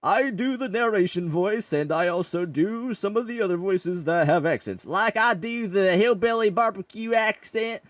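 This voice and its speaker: A man with a high-sitting voice rambles at a moderate pace with few pauses while hosting a casual gaming podcast; he is also a streamer. He jokes around and swears often. The recording is dry with no echo, and he sounds a bit off-mic, as if far from the microphone.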